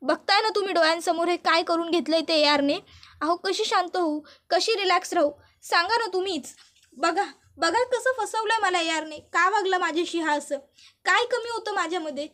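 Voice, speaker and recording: A woman's voice: very high voice, moderate pace, fairly bright tone. A woman voicing a distraught young bride-to-be in a storybook retelling, with pleading, accusing outbursts. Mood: angry.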